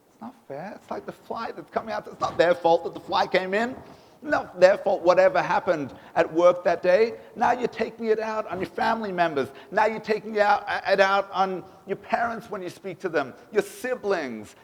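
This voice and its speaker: Guy rabbi giving a sermon, high lively voice, kinda husky, echoey synagogue. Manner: animated, emphatic preaching with rhetorical questions. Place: synagogue sanctuary.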